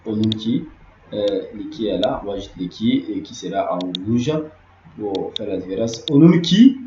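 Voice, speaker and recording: A man's voice: fairly low pitch, fairly even intonation, a little mellow. A man teaching a grammar lesson, patiently repeating each key word and explaining it step by step. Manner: repetitive, explanatory, slowly repeats key words. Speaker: language teacher. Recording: roomy, dull lo-fi audio with faint hiss.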